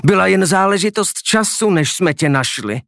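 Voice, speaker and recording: A man voicing a menacing female teacher who is secretly a winged monster, speaking slowly and threateningly in an audiobook. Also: high-pitched, lively intonation, gravelly, a bit bright, dry recording, clean studio sound, pitched above the performer's own voice, exaggerated voice. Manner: slow, hissing, threatening. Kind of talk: audiobook character voice.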